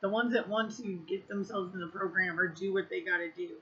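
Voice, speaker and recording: A woman's voice: medium pitch, fairly even intonation, brisk, pushed and bright, highs cut off. A woman telling a story in a casual vlog, blunt and profane, rambling with lots of fillers. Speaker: vlogger.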